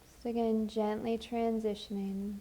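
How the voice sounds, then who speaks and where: A woman teacher leads a guided meditation, speaking gently and soothingly in unhurried phrases broken by long pauses. Her pitch is fairly high with little movement, and the audio quality is poor.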